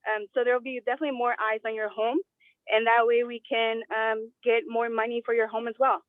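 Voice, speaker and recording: Woman, car speakerphone call, tinny phone line, dry, fairly high voice, real estate agent pitching while driving. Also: level tone, dry recording. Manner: quick, self-deprecating, talking while driving. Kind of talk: role-play pitch on a group coaching call. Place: in a moving car.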